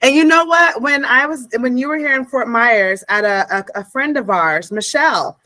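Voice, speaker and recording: Bright effusive talk show host woman. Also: high voice, normal speed, no echo. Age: 30s. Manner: effusive, slangy, full of compliments. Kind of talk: casual interview chat.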